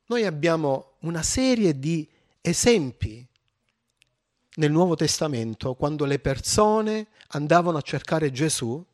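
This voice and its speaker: A man's voice: fairly high pitch, animated, measured pace. A man preaching a sermon, emphatic and building in force on his key points.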